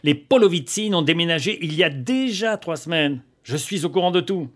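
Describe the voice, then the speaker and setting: A man's voice: on the high side, lively intonation, normal speed. A man playing a hot-headed jealous young man. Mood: accusing. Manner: sharp, mocking, accusing. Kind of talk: radio drama acting.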